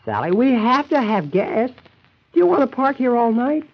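An actor playing an exasperated, scheming husband, bossy and impatient, in the style of old-time radio comedy. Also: male voice, very high voice, big pitch swings, normal speed, breathy edge, full character voice. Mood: impatient cajoling. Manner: impatient, bossy, hushing and cajoling. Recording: dull, lo-fi old radio recording.

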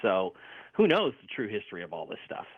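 A man speaking as a talk radio guest, explaining informally in a halting, conversational way over a phone-like line. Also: lowish voice, wildly swooping pitch, no echo.

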